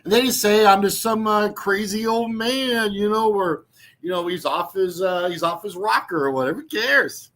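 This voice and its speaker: Speaking at normal speed in a high-pitched, slightly bright voice, a man in his sixties delivers rambling, casual vlog talk as his YouTube channel's host. He keeps restarting and using fillers, mocking things and laughing at what he says.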